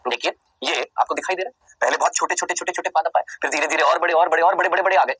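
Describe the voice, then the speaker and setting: Husky fast-talking male biology teacher. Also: a little high, sharp tone, no echo, rough recording. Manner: asks rhetorical questions and answers them himself; repeats key terms slowly for emphasis. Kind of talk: exam-prep classroom lecture.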